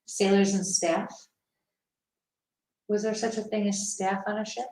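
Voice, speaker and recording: A woman with a mid-pitched voice is talking to a ghost in an echoey room. She coaxes with short, simple questions and leaves pauses for an answer. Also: steady tone, mellow, slight background noise. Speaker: paranormal investigator. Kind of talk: talking to a ghost, asking gentle questions to unseen spirits. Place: indoors aboard a ship.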